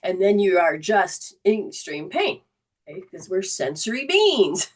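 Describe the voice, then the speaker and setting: A woman soul coach telling a personal story in a coaching talk, animated and full of restarts. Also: medium pitch, unhurried, breathy edge, recorded from a distance.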